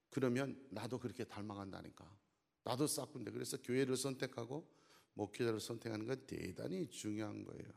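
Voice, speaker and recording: Gravelly-voiced man preaching in a reverberant hall. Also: medium pitch. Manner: jokey, teasing, often asks the crowd "어?". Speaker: pastor. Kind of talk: humorous sermon to a congregation. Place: church sanctuary.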